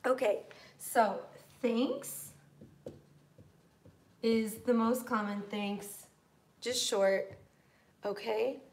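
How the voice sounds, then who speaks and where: A woman's voice: fairly high pitch, fairly even intonation, very slow, long pauses, darkish tone. A young American woman teaching English in a live online class, patient and encouraging, reading out students' comments. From United States.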